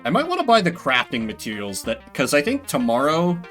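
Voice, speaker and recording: His voice is a little high and fairly bright, its pitch swooping wildly as he talks briskly. The game streamer gives playful, sweary live commentary, reading bits of text aloud and chatting with viewers, with game music behind him.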